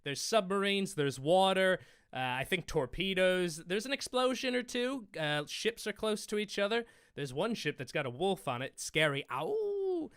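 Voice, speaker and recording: A man's voice: high voice, animated, normal speed, fairly bright tone, smooth, no room sound, studio quality. A man hosting a film quiz, sarcastically recapping a movie trailer in casual chat. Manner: sarcastic, mocking. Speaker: quiz show host.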